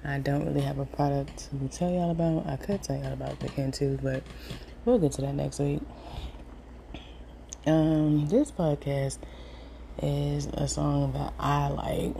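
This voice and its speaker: Woman podcast host, casual intro, soft-spoken and brisk, grieving. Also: low voice, flat delivery, vocal fry, slight background noise. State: grieving, holding back tears.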